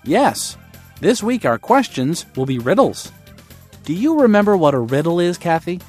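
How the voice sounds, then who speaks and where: A man presenting a scripted English-learning segment, his voice bouncing up and down as he speaks. He talks slowly and clearly in a cheerful, teacherly way, a bit higher than most men. Faint music sits underneath. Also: sing-song. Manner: bright, cheerful, over-articulated teaching voice. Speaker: lesson show host. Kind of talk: scripted educational dialogue.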